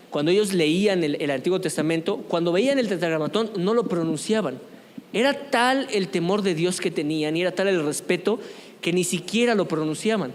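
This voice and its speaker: A man's voice: high-pitched, big-room sound. A man teaching a church youth group, speaking conversationally and often asking the group questions. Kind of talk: church youth lesson on apologetics. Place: church meeting room.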